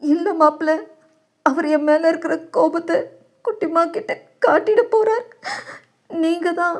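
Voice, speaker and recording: A woman voicing a desperate older father who begs and pleads in tears in an audio novel. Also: a little slow. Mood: pleading. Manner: pleading, sobbing, high and strained.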